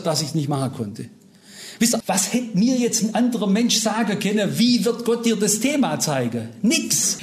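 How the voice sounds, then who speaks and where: A middle-aged man preaching a sermon, telling a personal story with animated swings between loud pleading and low, quiet asides.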